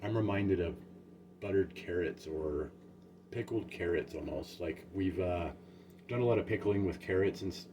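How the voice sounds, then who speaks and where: A man's voice: deep voice, normal speed. A man hosting a casual home tasting vlog, talking in an easygoing, rambling way with many fillers. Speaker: home gardener reviewing peppers. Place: home and backyard garden. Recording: steady background noise.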